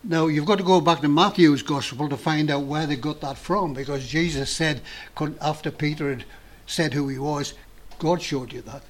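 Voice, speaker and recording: A man preaching a sermon in an earnest, emphatic way with dramatic pauses. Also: a little high.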